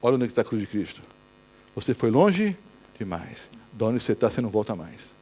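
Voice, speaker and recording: A preacher putting on a sly murmuring devil. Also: male voice, very animated, fairly quick. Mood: taunting. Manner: low, soft, coaxing murmur. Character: sly flattering male devil, hushed.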